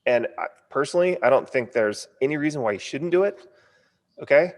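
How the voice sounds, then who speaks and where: American male webinar coach, mid-pitched, punchy and chatty, slightly fumbling numb-lip diction, hall-like reverb. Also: animated, fairly quick. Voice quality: stumbling, numb-lipped speech from a partly numb lip. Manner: informal, punchy, frequent check-in tags. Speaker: online course coach. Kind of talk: casual sales training webinar.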